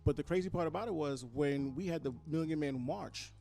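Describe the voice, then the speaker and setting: A man's voice: fairly high pitch, a little fast, gravelly, dark tone, soft background music. A man who is a guest on a radio talk show, speaking casually and stumbling over his words. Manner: stammering, restarting words.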